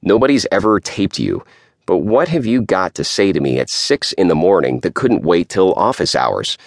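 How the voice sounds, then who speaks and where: A man's voice: sits low, very animated, moderate pace, vocal fry, no room sound, clean studio sound, pitched above the performer's own voice, full character voice. A man voicing a needling, wisecracking middle-aged male lawyer with a nasal voice.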